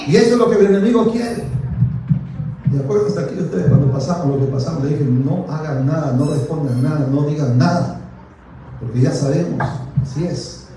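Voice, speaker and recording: Male pastor, emphatic repetitive sermon style with jokey asides, high voice, distant mic, heavy room echo. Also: a little fast, warm tone, a little hiss or hum. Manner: emphatic preaching, repeats phrases, playful asides. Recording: echoey church hall from far off.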